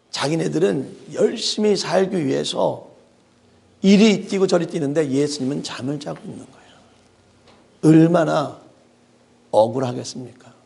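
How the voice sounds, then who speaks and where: A middle-aged male pastor preaching a sermon, dramatic and full of rhetorical questions, swinging between loud emphasis and hushed asides. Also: a little high, vocal fry. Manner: asks the congregation rhetorical questions.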